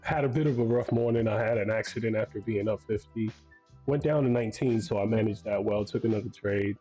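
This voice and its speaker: Trading stream host, man, hoarse from losing his voice, mellow and relaxed, dull lo-fi audio with faint music. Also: on the low side, fairly quick. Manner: laid-back, swears casually. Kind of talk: casual trading chat.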